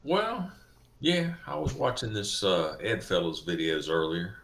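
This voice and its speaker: A man's voice: lowish voice, animated, unhurried, creaky, a bit bright. A man, a guest on a ham radio livestream, giving laid-back, brief replies. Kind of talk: casual chat.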